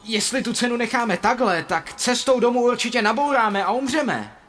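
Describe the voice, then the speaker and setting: A man's voice: on the high side, big pitch swings, a bit bright, husky, soft background music, heavily acted. A man voicing a panicky, superstitious young boyfriend in frantic, pleading outbursts. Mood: alarmed.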